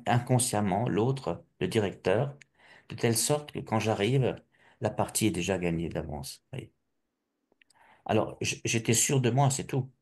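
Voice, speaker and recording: A middle-aged man from Alsace giving a personal testimony, halting and restarting often with repeated words. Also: on the low side, darkish tone. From Alsace, France.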